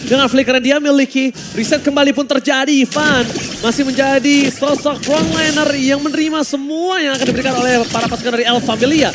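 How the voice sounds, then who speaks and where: An Indonesian man casting an esports match like an excited fighting game announcer, with dramatic, drawn-out shouted calls. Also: extremely high pitch. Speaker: esports play-by-play caster. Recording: loud background noise behind the voice.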